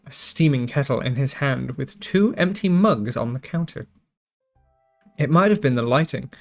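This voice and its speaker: A man's voice: a little high, vocal fry. A man reading a visual novel aloud, with joking asides, swearing and stumbles over words. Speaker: gaming YouTuber.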